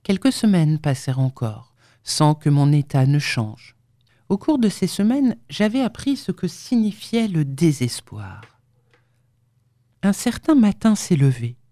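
A woman narrating an audiobook in a measured, sombre storytelling manner. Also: lowish voice, big pitch swings, warm tone, dry recording, clean studio sound.

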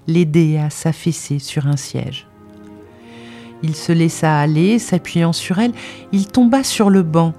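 An audiobook narrator reads literary prose in a measured, solemn cadence. The voice sits mid-range and sounds mellow and dark, with faint music under the reading. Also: medium pitch.

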